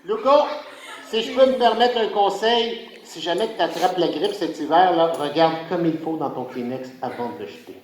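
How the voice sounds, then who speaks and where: A man's voice: fairly high pitch, normal speed. Quebec kids' party magician man, echoey room. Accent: Quebec French. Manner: playful, teasing, coaxing children along with short questions and instructions. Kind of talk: live magic show patter for children. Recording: echoey room, audible background noise.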